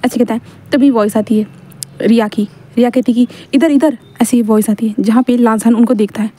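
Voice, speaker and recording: A woman's voice: fairly high pitch, fairly even intonation, fairly quick, mellow. A woman casually retelling a romance story, talking in a chatty, repetitive way with many restarts. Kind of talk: casual retelling of a fan-fiction story, voicing the characters' lines.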